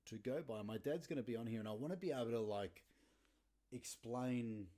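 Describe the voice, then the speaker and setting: A man's voice: medium pitch, lively intonation, moderate pace, warm tone. A man in his thirties hosting a podcast, telling blunt, sweary stories casually and laughing often. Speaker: podcast host. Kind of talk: casual storytelling monologue.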